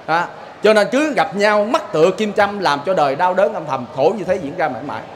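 An animated Buddhist lay preacher from Southern Vietnam delivers a story-rich, folksy sermon in a high-pitched voice. He keeps turning to his listeners with quick rhetorical questions, while faint background noise sits underneath.

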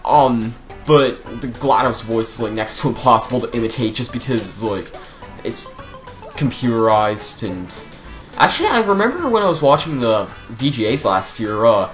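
A young man giving casual, rambling commentary over a video game, chatty and full of fillers. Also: medium pitch. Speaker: let's play commentator. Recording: faint game music behind.

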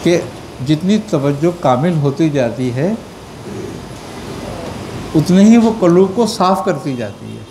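A Pakistani spiritual teacher instructs a gathering in religion, answering questions in an expressive, fairly high voice with long pauses. He often asks rhetorically whether his point was understood, and the background is noisy.

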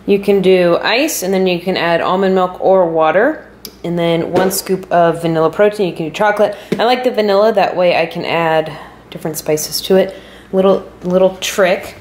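Filmed at home in a spacious kitchen with some noise in the background, this fitness vlogger is an American woman in her thirties. Her lowish, slightly mellow voice moves at a moderate pace as she talks casually and explains things.

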